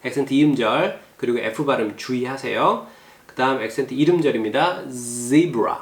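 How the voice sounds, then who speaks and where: A man teaching English pronunciation in a recorded video lecture. He says English words slowly and repeats them, then explains quickly and casually. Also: medium pitch, roomy sound.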